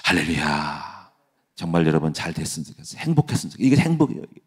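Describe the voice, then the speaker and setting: A man's voice: sits low, very animated, rapid-fire, warm tone, slightly rough. Folksy, fervent male pastor preaching. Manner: folksy, chatty preaching with laughs and asides; rises into fervent prayer. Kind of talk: sermon and prayer.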